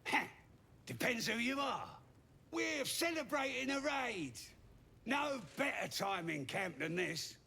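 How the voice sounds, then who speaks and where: An actor voicing a crude, boastful male goblin brute in a video game, with a coarse, gravelly voice. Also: very high voice, animated, slow, sharp tone, exaggerated voice. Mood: gloating. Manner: gloating, bossy, dropping word endings.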